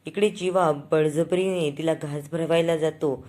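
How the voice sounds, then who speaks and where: Woman recap narrator, chatty and casual, lowish pitch. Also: fairly even intonation, normal speed, mellow. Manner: chatty, storytelling. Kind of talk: casual plot retelling.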